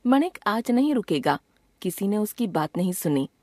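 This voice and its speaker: A woman reading a grammar lesson as scripted textbook narration, measured and slow on each example sentence. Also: medium pitch, sing-song, a little mellow, no room sound, clean studio sound. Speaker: grammar teacher.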